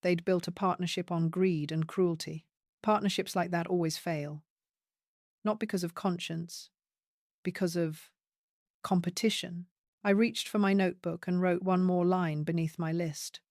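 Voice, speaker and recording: Calm older woman telling a story. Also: on the low side, a little slow, no echo, clean studio sound. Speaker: narrator. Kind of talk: first-person story narration.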